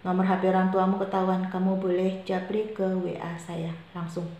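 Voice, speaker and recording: A woman's voice: lowish voice, flat delivery, moderate pace, mellow. A woman homeroom teacher giving her students a firm briefing, repeating her reminders. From Indonesia. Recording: very echoey room with faint noise.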